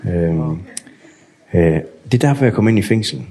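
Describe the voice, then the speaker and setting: Man, very low voice, candid personal storytelling, acts out old dialogue. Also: lively intonation, warm tone. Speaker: guest sharing a testimony.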